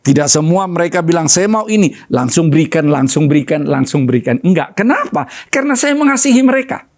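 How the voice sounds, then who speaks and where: A middle-aged male pastor preaching a sermon, telling a personal story with animated, swinging delivery. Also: fairly high pitch, fast.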